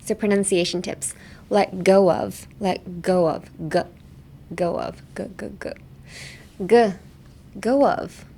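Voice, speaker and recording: A woman's voice: mid-range voice, extremely slow, vocal fry, pauses often, warm tone, a little hiss or hum. Playful bilingual woman coaching pronunciation. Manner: playful, demonstrates sounds with repeated syllables. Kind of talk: bilingual casual pronunciation lesson.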